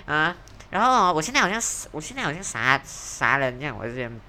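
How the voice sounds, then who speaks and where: A young woman with a Malaysian Mandarin accent chats alone on her podcast, quick and self-mocking. Her voice sits low but moves a lot, with a bright, forward tone. Faint noise hums under the recording. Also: sing-song. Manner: chatty, self-mocking, quick, mixes in English words. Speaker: podcast host. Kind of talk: casual solo podcast chat.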